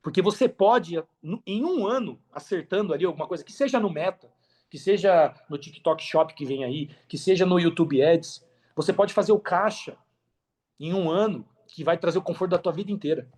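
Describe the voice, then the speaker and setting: Speaking as a guest on a podcast, this Brazilian man has a high-pitched, slightly mellow voice and a moderate pace. His casual interview talk is earnest, and he repeats phrases to drive points home.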